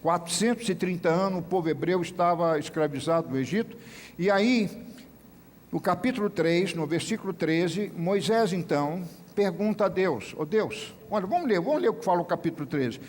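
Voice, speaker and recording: Man, bible study teacher, measured, slightly high voice, long reverb, faint background noise. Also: darkish tone. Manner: measured, reads scripture aloud then explains. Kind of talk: Bible study reading and explaining.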